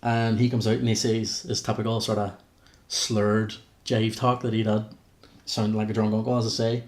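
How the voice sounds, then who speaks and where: A man's voice: on the low side, flat delivery, moderate pace, darkish tone. A man co-hosting a podcast, chatty and jokey. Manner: chatty, jokey, reels off names. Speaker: podcast co-host. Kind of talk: casual wrestling podcast chat. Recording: roomy echo.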